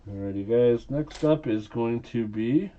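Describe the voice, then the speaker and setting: A man's voice: mid-range voice, a little slow, mellow, muffled recording. A man working as a casual, playful auctioneer, hosting a live auction and repeating bids and calls. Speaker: auctioneer and live stream host.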